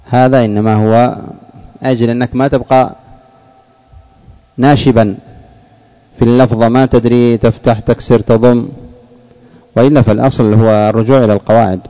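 A man's voice: mid-range voice, little pitch movement, brisk, long pauses, mellow. A man teaching grammar in a classroom, explaining rules and quizzing students by name. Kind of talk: classroom lesson with questions to students.

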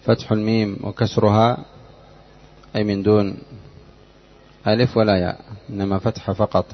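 Man teaching grammar, kinda low voice, keeps quizzing the class, dull lo-fi sound. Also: little pitch movement. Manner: drills students with repeated questions; measured, explanatory delivery. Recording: dull lo-fi lecture recording.

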